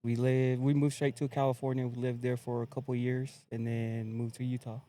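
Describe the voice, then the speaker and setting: A young man from American Samoa, a podcast guest telling his story in a relaxed, laid-back casual chat. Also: medium pitch, brisk.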